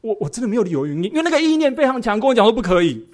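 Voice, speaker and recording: A man preaching a sermon as a pastor, telling a personal story in an earnest, expressive way. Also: sits high, racing.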